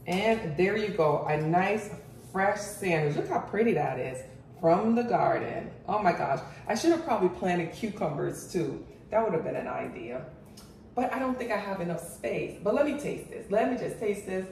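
A woman's voice: medium pitch, expressive, normal speed, gravelly, darkish tone. A woman chatting casually to her viewers in a vlog about her patio garden and kitchen. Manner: chatty, addresses viewers as guys. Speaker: cooking and gardening vlogger. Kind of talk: casual chat to camera. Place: outdoor high-rise patio, then home kitchen. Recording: echoey, mic at a distance, noisy.

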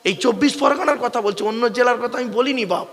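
A man's voice: very high-pitched, quick pace, a bit bright, big-room sound. A man from West Bengal with a South 24 Parganas Bengali accent, preaching a sermon at a religious gathering in a fatherly, coaxing way and calling on the crowd to answer back. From West Bengal, India. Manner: fatherly, coaxing, often calls listeners "bap" and asks them to answer back.

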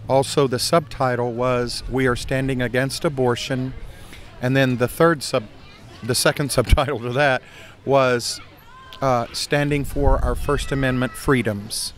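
An older man answering a street interview under an outdoor tent in a calm, earnest way. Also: medium pitch, unhurried. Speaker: pastor. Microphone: handheld interviewer mic.

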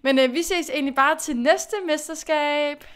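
A young woman, a gaming YouTuber, chats casually while playing a horse racing game, talking to herself as she scolds and cheers herself on. Her voice is high and fairly bright, with fairly even intonation.

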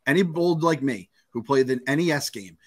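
A middle-aged man co-hosting a podcast from home over a video call, telling animated, profane stories in casual chat. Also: medium pitch, brisk. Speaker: podcast co-host. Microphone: over-ear headphones, video call.

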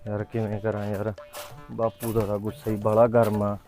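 A man's voice: on the low side, monotone, normal speed, warm tone, faint music behind, lightly acted. A young man playing a nervous village youth who stammers and pleads in a panic. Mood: fretting.

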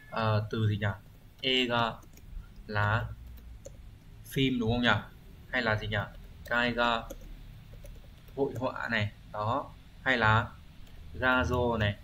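A man's voice: mid-range voice, pushed and bright, a little hiss or hum. Man teaching, patient and explanatory. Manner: explanatory, frequent checking questions. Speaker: Japanese teacher. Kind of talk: exam review lesson.

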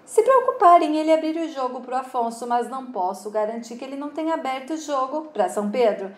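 A woman's voice: high voice, animated, quick pace. A woman voicing a cruel, scheming man who taunts with condescending endearments, in a roomy recording. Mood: taunting. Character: scheming smooth-talking male villain, cruel and mocking. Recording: roomy echo.

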